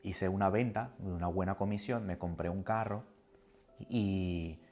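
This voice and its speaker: Man, preacher, sermon, animated, lower voice. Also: a little slow, dull audio, a little hiss or hum. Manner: animated, jumps between soft and loud. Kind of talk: sermon with personal testimony.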